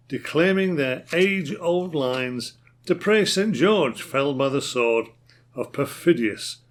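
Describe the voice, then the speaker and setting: Man, recited rhyming monologue, unhurried, slightly high voice. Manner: declaiming rhymed verse.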